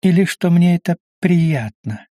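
A man voicing Ifrit, a vengeful, menacing woman, in a dark, dry audiobook reading. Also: on the low side, expressive, unhurried, dry recording, voice pushed up. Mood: hateful.

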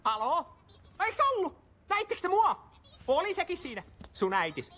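An actor voicing a small, chatty and vain one-eyed male monster in an animated film dub. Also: very high-pitched, background noise, exaggerated voice. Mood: boastful. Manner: fast, excitable, boastful chatter.

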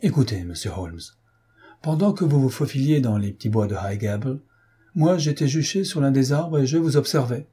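A man reading a self-assured police inspector who explains his plan briskly and confidently. The voice is dark and a little husky. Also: medium pitch, animated.

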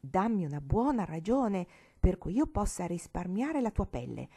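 A woman's voice: lowish voice, big pitch swings, moderate pace, warm tone, slightly rough, heavily acted. A blunt, good-humored uncle teases in an amused tone, read by a woman. He is a storybook man who enjoys a scandal. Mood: amused teasing. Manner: amused and teasing. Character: jovial, blunt middle-aged uncle.

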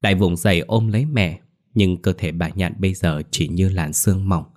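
Deep-voiced man narrating a horror story. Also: normal speed. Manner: steady, grave.

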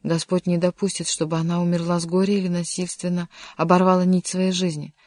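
A lovesick young count pours out his despair, as an audiobook reader plays him. The voice stays fairly even in pitch even as he pleads, and the recording is close and dry. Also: brisk, dry recording, lightly acted. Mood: resolute. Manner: impassioned, pleading. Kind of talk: audiobook reading.

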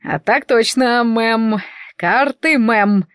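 A brash young man with a swaggering, mock-outraged way of talking, as a woman narrator puts him on. His lines come out fairly high and dry, with no room around them, like a storybook reading. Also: slow, clear, resonant tone, no room sound. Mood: mock-indignant. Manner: loud, mock-indignant, swaggering.

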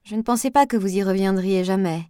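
A woman's voice: mid-range voice, a little fast, mellow, clear, resonant tone, no room sound, clean studio sound, natural voice. A woman voicing a gossipy elderly village woman who talks in a confiding, old-fashioned way.

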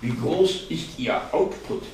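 A man's voice: fairly high pitch, lively intonation, slow pace, darkish tone, slight background noise, pitched above the performer's own voice. Sarcastic office man, voice near cracking, as a male reader does him. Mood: mocking. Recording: echoey hall, distant mic.

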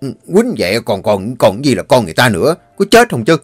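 A man voicing an alarmed onlooker in a village crowd, shouting shrilly in a storybook reading. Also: medium pitch, huge pitch swings, fairly quick, breathy edge, no room sound, faint music behind.

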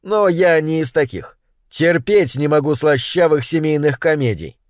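Male audiobook narrator, deadpan and measured, fairly high voice, dry close recording. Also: no room sound. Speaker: audiobook reader. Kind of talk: scripted narration.

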